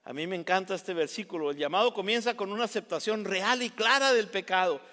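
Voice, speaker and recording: Pastor guy, really high voice, fired up sermon, repeats lines as it builds, big church echo. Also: a little fast, bright, forceful tone. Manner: impassioned preaching that builds through repeated phrases; folksy asides to the congregation. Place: church sanctuary. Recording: long church hall reverb.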